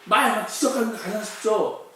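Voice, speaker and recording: A man's voice: high-pitched, brisk, a bit bright. A man preaching a sermon who asks many rhetorical questions and acts out quoted complaints. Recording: very echoey hall from far off.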